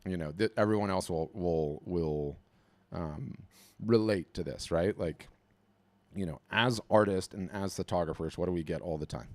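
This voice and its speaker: A man hosting an online webinar, coaching artists in a casual, energetic way and often repeating words as he starts a thought. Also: low-pitched, normal speed. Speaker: webinar host.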